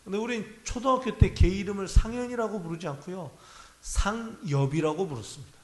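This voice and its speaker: A brisk, high-voiced male pastor delivers his Sunday sermon in a church hall full of echo. He keeps it conversational, frequently turning questions to the congregation.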